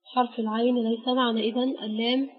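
A woman with an Egyptian accent teaching an Arabic grammar lesson, patiently naming letters one by one with pauses. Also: on the high side, level tone, breathy edge. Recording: dull lo-fi recording.

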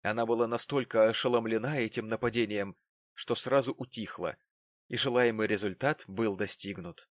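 A man reading a classic novel aloud as narrator, measured and expressive. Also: lowish voice, no room sound. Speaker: audiobook narrator. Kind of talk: scripted literary narration.

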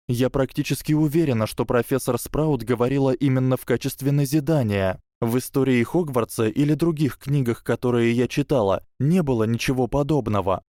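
A man voicing a bookish schoolgirl witch who speaks cautiously and in measured phrases. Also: medium pitch, mellow, no room sound, clean studio sound, pitched above the performer's own voice, natural voice.

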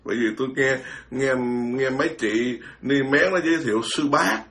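A man's voice: mid-range voice, expressive, normal speed, creaky, a bit bright. A man, a Buddhist monk giving an informal dharma talk, blunt and scolding, mocking others and stammering through repeated words.

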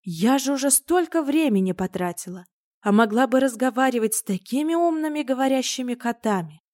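Woman putting on an old lady, general's widow, brisk, bossy, grumbling, loud, storybook. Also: medium pitch, no room sound, clean studio sound, close to an everyday voice. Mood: indignant. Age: older.

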